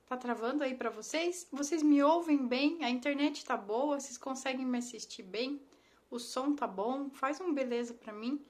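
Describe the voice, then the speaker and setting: A woman's voice: sits high, normal speed. A woman, hosting a casual live stream and greeting viewers by name in an affectionate way. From Brazil. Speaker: Instagram live host, ThetaHealing instructor. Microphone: phone or laptop mic on a live stream.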